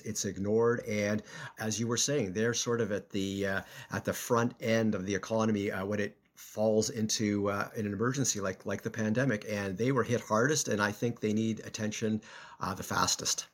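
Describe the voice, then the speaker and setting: A man co-hosting a podcast in an explanatory style, talking into a cell phone from under a blanket in his home office. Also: fairly low pitch. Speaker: podcast co-host, personal finance columnist.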